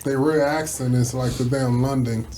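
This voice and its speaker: A man co-hosting a podcast, reacting and joking in a slow, casual way. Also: mid-range voice, fairly even intonation, over a noisy crowd. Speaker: podcast co-host. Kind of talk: casual chat.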